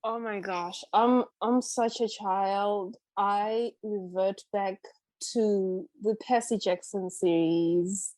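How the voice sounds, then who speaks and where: A woman's voice: medium pitch, steady tone, takes it slowly, a little mellow, no room sound. Young woman from Zimbabwe, dry sound. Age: 20s. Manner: laughs often, hesitant restarts. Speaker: guest, PhD student. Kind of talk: casual interview chat.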